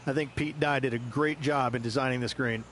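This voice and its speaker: A man's voice: mid-range voice, steady tone, a little fast, fairly bright tone, a little hiss or hum, natural voice. A man playing a folksy, explanatory golf analyst commentating in a video game. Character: male golf analyst explaining course strategy.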